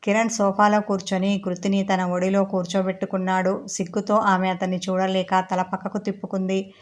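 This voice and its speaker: A woman narrating a romantic audiobook story in an even, steady reading voice. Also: mid-range voice, a little fast.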